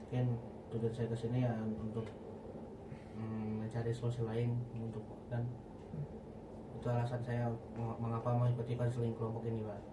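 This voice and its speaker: A man's voice: mid-range voice, completely flat delivery, moderate pace. A young man giving hesitant feedback in group counselling, with a slurred r that sounds like an l. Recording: echoey, distant, noisy room recording.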